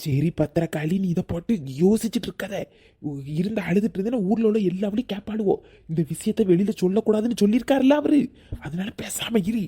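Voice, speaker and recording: Patient, husky husband. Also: female voice, mid-range voice, lively intonation, quick pace, mellow. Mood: calm. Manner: soothing, patient reasoning.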